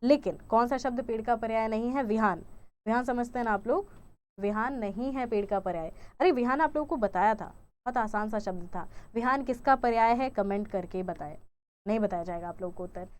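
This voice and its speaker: A woman's voice: fairly high pitch, a little fast, darkish tone. Young woman teacher, quizzing viewers. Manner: quizzing the viewers, repeating each word choice as a question. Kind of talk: exam-prep grammar lesson.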